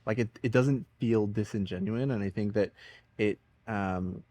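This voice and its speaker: Low-voiced podcast host, rambling. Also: male voice, measured pace, dark tone. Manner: rambling, many fillers. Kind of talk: casual interview chat.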